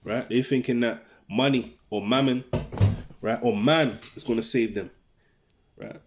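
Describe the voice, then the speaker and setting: Male preacher, casual street-style delivery, mid pitch, reads scripture aloud. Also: a little slow. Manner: conversational, keeps tagging lines with "man" and "right?". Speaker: religious teacher. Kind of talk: informal preaching with scripture readings.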